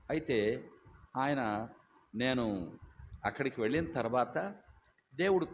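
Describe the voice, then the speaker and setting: Older male preacher, loud and emphatic storyteller, slight hiss behind. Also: mid-range voice. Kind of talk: sermon. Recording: dull lo-fi recording with faint hiss.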